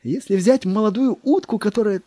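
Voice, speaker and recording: A man's voice: high voice, a little fast, mellow, no echo, pitched above the performer's own voice. A man voicing a fawning court secretary who gushes about food, with a wheedling, savoring manner and dropping into whispers. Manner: wheedling, savoring every dish, slips into whispers.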